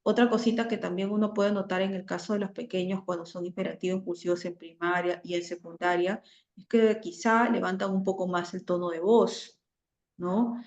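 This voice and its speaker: A woman giving an online class lecture, often ending phrases with a questioning tag and pausing on fillers. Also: lowish voice, steady tone, a little mellow. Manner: frequent "¿no?" tags and hesitations. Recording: roomy, dull lo-fi audio.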